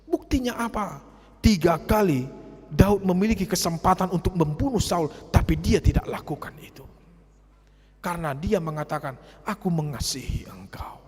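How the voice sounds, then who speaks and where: A man preaching a sermon as pastor, telling a personal story in a hushed voice and then building to loud, passionate exhortation. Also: high voice, expressive, normal speed, husky. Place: church. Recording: church hall reverb.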